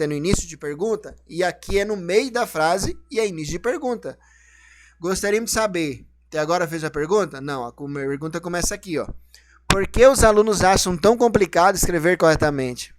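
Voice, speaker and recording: A man's voice: high-pitched, no echo. A man teaching a grammar lesson, explaining each rule and then asking and answering his own questions.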